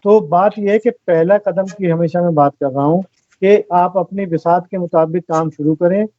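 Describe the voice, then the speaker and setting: High-voiced man, dry dull recording. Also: normal speed, no room sound. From Pakistan. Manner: earnest, reflective, explains with stories and examples. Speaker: guest, volunteer organizer. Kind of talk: conversational interview talk.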